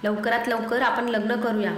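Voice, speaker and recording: A woman voicing a gentle, reassuring young man in a spoken love story, talking softly and apologetically. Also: fairly high pitch, flat delivery, moderate pace, natural voice. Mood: reasoning. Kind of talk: storytelling audiobook dialogue. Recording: echoey room, faint noise.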